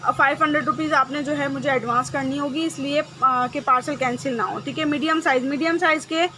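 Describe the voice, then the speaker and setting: A woman hosting a live-stream clothing sale, talking briskly and checking with viewers again and again. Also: high voice, fairly even intonation, pushed and bright, slight background noise. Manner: brisk, repetitive, checks with "okay?" often. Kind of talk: live-stream sales chat. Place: home room with generator noise.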